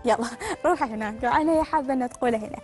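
A woman's voice: high voice, racing, soft background music. A woman hosting a children's studio show, coaxing children with upbeat questions.

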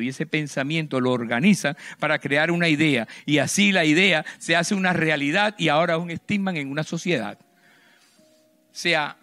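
Middle-aged male pastor, high bright voice, emphatic sermon with loud and hushed swings. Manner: emphatic preaching with sudden loud bursts and hushed drops. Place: church stage. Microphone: handheld mic.

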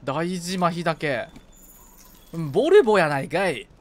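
A man streams a video game in casual co-op chat, reacting playfully and excitably and often talking to himself as he plays. His voice is on the high side and a little slow.

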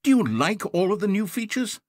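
In scripted game voice acting, a man plays a fussy, theatrical video game narrator with a polite, wheedling, fretful manner that swings between grandeur and self-doubt. His breathy voice sits high and is very animated, a little fast and a little mellow. It's dry and close-miked on a studio microphone, with no room sound.

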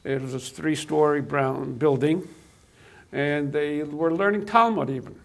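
Gravelly and on the high side, this older man's voice moves at a measured pace. He's an interview guest from Poland, Yiddish-speaking by birth, reminiscing in conversation on a TV studio set, miked with a lapel mic and full of fillers, restarts, and hesitation.

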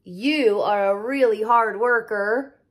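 A fairly high-pitched woman in her thirties reads slowly from a children's picture book, sounding like a teacher. Speaking indoors in her home's living room, she's expressive and often turns to chat directly with the young audience.

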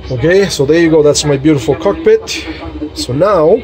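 Against a crowd in the background, a man with a fairly high voice and moderate pace chats through starting up his home flight sim cockpit. He addresses viewers directly as he clicks through screens, filmed on a phone held or mounted in the sim room.

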